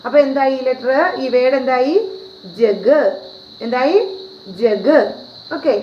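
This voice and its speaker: A woman's voice: high-pitched, fairly even intonation, fast talker. A woman teaching a video lesson in a patient way, repeating points and asking the listeners questions. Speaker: Hindi teacher. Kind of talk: classroom-style video lesson. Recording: roomy, dull lo-fi with faint noise.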